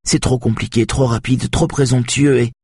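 A man voicing an anxious, driven young woman violinist in an audiobook, raising his voice higher and sounding tense. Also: fairly even intonation, darkish tone, husky, no room sound, clean studio sound, lightly acted. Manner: higher, tense, quick-tempered.

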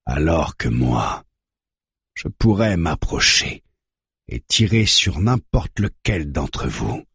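A man voicing a calm, steady male police negotiator who reasons deliberately. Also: very deep voice, husky, dry recording, clean studio sound, heavily acted.

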